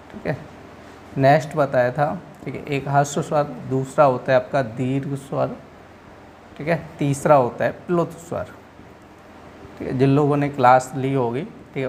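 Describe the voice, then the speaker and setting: A man's voice: medium pitch, fairly even intonation, moderate pace, creaky, long pauses, a little mellow, a little hiss or hum. A man teaching, patiently explaining exam answers step by step and checking in constantly with his students. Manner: patient, repetitive, checks in with frequent "okay".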